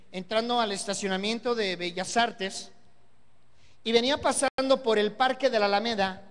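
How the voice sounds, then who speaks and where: A Mexican pastor delivers a sermon in a strikingly high voice. He presses his points by repeating words and firing rhetorical questions. The sound carries a long church-hall reverb. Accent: Mexican Spanish. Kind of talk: Sunday sermon.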